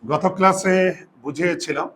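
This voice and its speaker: Male teacher drilling pronunciation, higher voice. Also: fairly bright tone. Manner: explains step by step, often asks students if they follow; drawn-out, emphatic pronunciation of example words. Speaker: Bengali grammar teacher. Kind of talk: classroom lesson.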